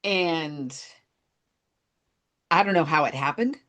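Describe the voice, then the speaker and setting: A woman's voice: deep voice, slow pace, a bit bright. A middle-aged woman co-hosting a podcast, telling a story in casual chat and laughing at herself. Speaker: podcast co-host.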